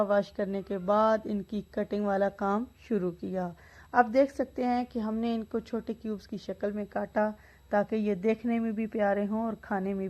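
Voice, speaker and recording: A woman hosting a cooking channel, narrating a video in a steady step-by-step way with tips. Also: medium pitch, dull audio.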